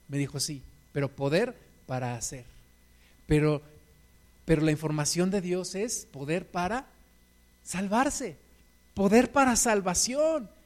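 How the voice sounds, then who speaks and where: A man with a Mexican Spanish accent preaching a sermon, passionately swinging between loud emphatic peaks and soft low asides, repeating scripture lines like refrains. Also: a little slow, long pauses.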